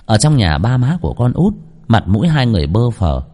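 A man narrating a ghost story in an expressive storytelling manner. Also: mid-range voice, a little fast.

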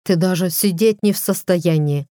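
A woman voicing a gruff, protective young husband in an audiobook, with slow, growling lines. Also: on the low side, warm tone, no echo, studio quality, close to an everyday voice. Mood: exasperated.

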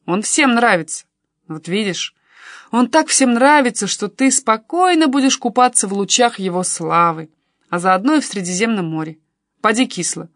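A woman's voice: medium pitch, animated, moderate pace, no echo, clean studio sound, close to an everyday voice. A woman reading an audiobook and voicing a pushy young man who keeps coaxing and persuading his cousin.

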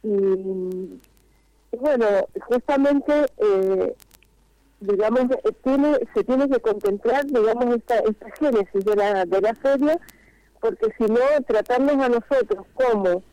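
A woman's voice: a little high, warm tone, no room sound. Woman speaking on speakerphone. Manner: earnest, explains at length with frequent pauses. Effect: on speakerphone over a phone line. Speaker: market vendors' spokesperson calling in. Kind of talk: phone-in radio interview.

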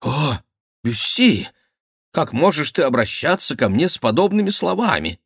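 A man's voice: medium pitch, very animated, moderate pace, no echo, clean studio sound, pitched above the performer's own voice, lightly acted. A man voicing a wheedling royal duke in an audiobook, his tone coaxing and ingratiating. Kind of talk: audiobook reading.

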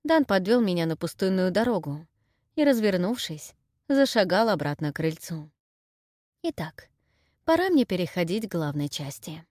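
Lively woman narrating an audiobook. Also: lowish voice, normal speed, dry recording, studio quality. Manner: lively, expressive storytelling. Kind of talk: scripted first-person narration.

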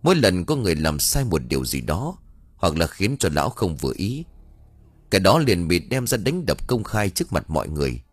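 A man's voice: low-pitched, sing-song, a little fast, slightly rough, dry recording. A man narrating a ghost story in a formal, dramatic storytelling manner. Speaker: audiobook narrator.

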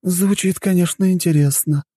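A man's voice: high voice, steady tone, moderate pace, dark tone, breathy edge, no room sound, clean studio sound, voice pushed up. A man voicing a bold, bloodthirsty woman who speaks curtly and sarcastically, in an audiobook. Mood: sarcastic. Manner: curt, sarcastic.

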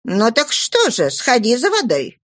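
A woman voicing a harsh, bossy middle-aged innkeeper woman who scolds a child in a shrill voice. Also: wildly swooping pitch, measured pace, fairly bright tone, no echo, studio quality, heavily acted. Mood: scolding.

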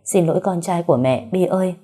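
A woman reading the lines of an anxious, tearful young mother in a storybook, soft and pleading. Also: lowish voice, fast, natural voice.

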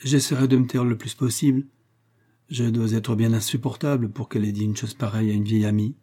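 A man's voice: medium pitch, fairly even intonation, fairly quick, mellow, lightly acted. A man voicing an elderly, chatty and self-deprecating spinster in an audiobook reading, fluttery and apologetic. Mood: hurt.

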